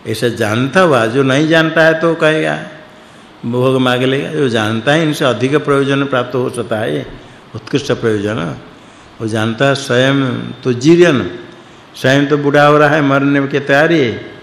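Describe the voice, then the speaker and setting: A man's voice: medium pitch, normal speed, gravelly. A man teaching a scripture lesson, explaining it word by word and putting questions to his class. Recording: echoey hall with faint background noise.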